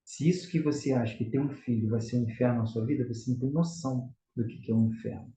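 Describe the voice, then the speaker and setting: A man's voice: medium pitch, fairly even intonation, fast talker, dark tone, a little hiss or hum. A man with a Carioca accent teaching a religious class on prayer, earnest and exhorting as he addresses his listeners as brothers. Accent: Carioca (Rio de Janeiro). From Rio de Janeiro, Brazil. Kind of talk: religious lesson. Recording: echoey room, slightly dull sound.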